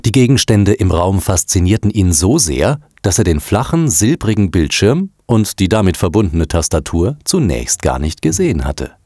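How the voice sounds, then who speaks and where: A man narrating a children's storybook in an expressive, animated reading. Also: deep voice, normal speed, hardly any pauses, no room sound, studio quality. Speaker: audiobook narrator.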